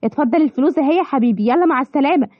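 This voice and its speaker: A woman's voice: sits high, racing, lightly acted. A woman with an Egyptian accent voicing a pleased woman customer, munching and delighted. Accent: Egyptian Arabic. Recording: dull lo-fi, clear background noise.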